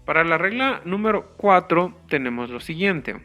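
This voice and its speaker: A man teaching an English grammar lesson, explaining the rules slowly and carefully and spelling out the letters. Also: a little high, expressive, sharp tone, soft background music.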